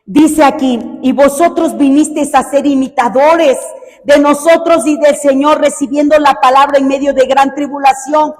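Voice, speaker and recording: Fervent woman preaching, high voice. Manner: fervent, swings from soft to shouted emphasis. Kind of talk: sermon. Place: large church hall. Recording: echoey church hall.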